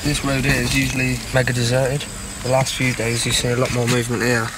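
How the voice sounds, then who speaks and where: A man's voice: mid-range voice, monotone, quick pace. A British man, a marine, chatting casually in an outdoor interview in an understated, slangy way. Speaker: marine on sentry duty. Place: outdoors at a sentry post. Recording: loud outdoor background noise.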